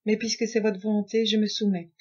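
A woman's voice: medium pitch, flat delivery, brisk, dark tone, breathy edge, close to an everyday voice. Female narrator doing a nervous, yielding young man, level delivery, dull lo-fi audio. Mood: conciliatory. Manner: conciliatory, nervous. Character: timid, accommodating young Japanese man.

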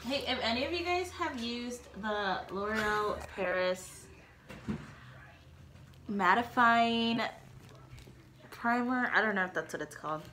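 A woman chatting casually at home with her sister, asking viewers for product advice in a relaxed, hesitant way. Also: a little high, slow, long pauses, a little hiss or hum. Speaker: vlogger's sister, co-host. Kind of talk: casual chat.

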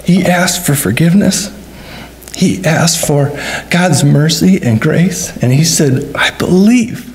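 A man's voice: on the high side, slow, a little hiss or hum. A middle-aged man, a pastor, preaching at a funeral service in a church, telling a story earnestly and voicing the dialogue in shifting tones. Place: church sanctuary.

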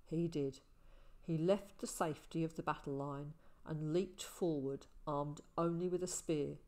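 A woman reading the part of a calm older male ranger, speaking quietly and soberly. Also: deep voice, a little slow, pitched below the performer's own voice. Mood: storytelling.

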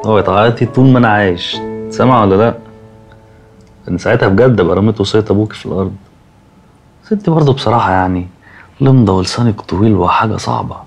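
An actor with an Egyptian accent playing a young, affectionate older brother who jokes and scolds playfully in a TV drama. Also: male voice, on the low side, close to an everyday voice. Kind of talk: TV drama acting.

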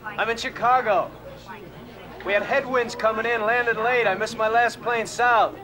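An actor playing a pilot who speaks in a firm, reassuring way. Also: male voice, very high voice, fairly even intonation, measured pace, crowd noise. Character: determined, reassuring pilot calling from afar. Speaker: pilot son-in-law. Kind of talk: 1970s TV movie acting.

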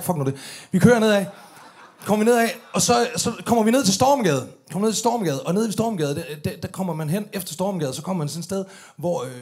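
A Danish man with an Aalborg accent telling comic stories live on stage, swearing freely and bursting into loud, acted-out quotes. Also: on the high side, vocal fry. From Denmark. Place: large tent venue, live audience.

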